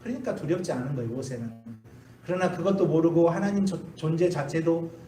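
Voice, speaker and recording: A man's voice: fairly high pitch, a little fast, mellow, far from the mic, soft background music. Preaching man in an echoey church. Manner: asks the congregation questions, repeats key phrases for emphasis. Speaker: pastor. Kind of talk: sermon. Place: church sanctuary.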